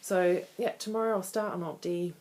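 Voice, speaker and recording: Low-voiced woman in her thirties, candid vlogging. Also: fairly even intonation, normal speed, darkish tone, rough recording. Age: 30s. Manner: candid, conversational. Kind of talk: casual personal video diary.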